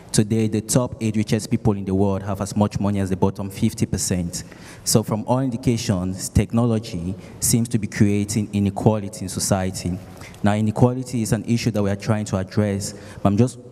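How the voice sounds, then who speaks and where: A man's voice: on the low side, warm tone. A man, a diplomat and scholar, asking an earnest, formal question from the audience at a conference. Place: large conference hall. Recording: reverberant hall sound.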